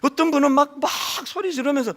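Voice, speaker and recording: A man's voice: very high-pitched, fast. A middle-aged male pastor preaching a sermon, telling stories animatedly and acting out quotes, with a lingering cold. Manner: animated storytelling with acted quotes.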